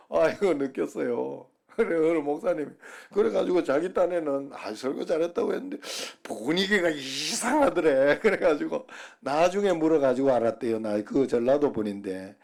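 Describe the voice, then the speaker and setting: A man's voice: a little high, gravelly, darkish tone. A middle-aged man preaching a Sunday sermon, folksy and humorous, telling dialect jokes to the congregation. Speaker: pastor.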